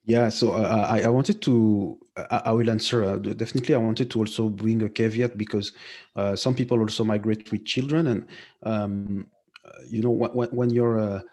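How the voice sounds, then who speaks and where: A low-pitched man in his thirties from Belgium talks as a guest over a video call from his home. He weighs his words, filling pauses with frequent ums and uhs, and sounds thoughtful. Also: steady tone, warm tone. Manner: hesitant, many fillers, thoughtful. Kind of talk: casual video-call interview. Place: home room.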